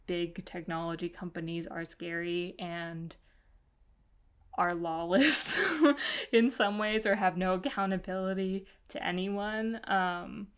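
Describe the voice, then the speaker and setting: A woman's voice: fairly low pitch, steady tone, slow, clean tone. A young woman casually reviewing books she read, chatty and full of "like" and "um". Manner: chatty, lots of fillers and "like". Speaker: book vlogger. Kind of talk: casual book review chat.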